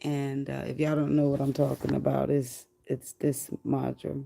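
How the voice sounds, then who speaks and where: A woman livestreaming, telling a spiritual story in a slow, reflective, casual way with some swearing. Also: extremely low pitch, level tone, vocal fry, mellow, slight background noise.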